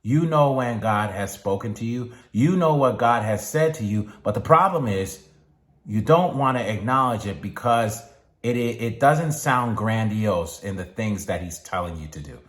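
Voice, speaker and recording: A man giving a motivational sermon in a slow, deliberate way with long pauses. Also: lowish voice, lively intonation, a bit bright. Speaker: speaker. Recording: echoey room.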